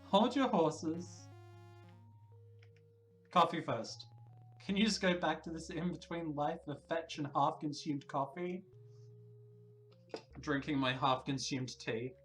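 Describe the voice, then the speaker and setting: A game streamer reading the narration aloud quietly during a livestream, breaking into lively asides to viewers. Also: medium pitch, takes it slowly, pauses often, faint music behind, rough recording.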